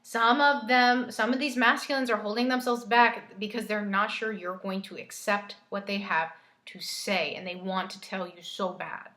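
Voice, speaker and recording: A woman talks through a tarot reading in a loose, coaching way, laughing easily between points. Her voice is bright and forward, and the room around her rings with echo. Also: medium pitch, steady tone, moderate pace. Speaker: tarot reader. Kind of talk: casual spiritual reading to camera.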